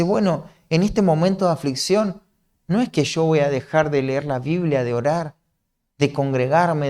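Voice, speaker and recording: Preaching with a Rioplatense Spanish accent, this man from Argentina explains his message earnestly, frequently tossing in a questioning "¿no?". His voice is a little high and darkish.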